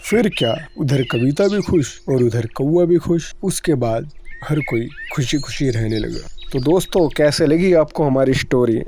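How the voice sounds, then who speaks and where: A man narrating a cartoon story in a calm, plain storytelling manner. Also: medium pitch, moderate pace, slight background noise.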